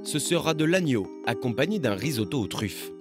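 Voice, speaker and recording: A man narrating a television documentary report in a measured, scripted voice-over. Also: medium pitch, expressive. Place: studio voice-over. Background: music.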